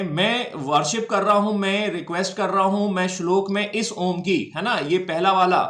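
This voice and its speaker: A man's voice: high voice, bright, forceful tone, echoey room. A male teacher gives an exam-prep history lecture, explaining step by step, mixing Hindi and English and checking that students follow.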